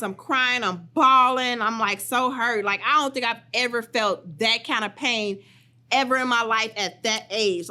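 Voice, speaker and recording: A young woman co-hosting a podcast, telling a personal story in an animated, emphatic way. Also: on the high side. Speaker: podcast co-host. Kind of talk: storytelling in casual chat.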